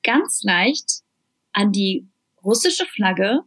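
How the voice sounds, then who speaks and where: A woman's voice: medium pitch, sing-song, very slow, a bit bright, slightly rough. A woman co-hosting a casual talk show, chatting loosely with many fillers and bits of English mixed in. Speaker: podcast co-host. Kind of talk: casual chat.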